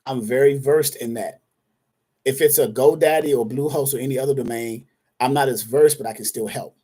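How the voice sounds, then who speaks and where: A man's voice: medium pitch, normal speed, warm tone, breathy edge. A man hosting a live online question-and-answer session as a dispatcher trainer, talking casually, addressing viewers by name and thinking aloud with frequent restarts.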